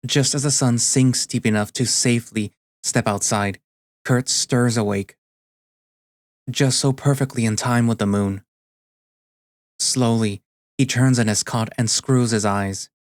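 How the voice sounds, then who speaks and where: A man playing a weary, guilt-ridden animal sailor, narrating a first-person story in a quiet, subdued, slow and deliberate way. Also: mid-range voice, steady tone, dry recording, natural voice. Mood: brooding, weary.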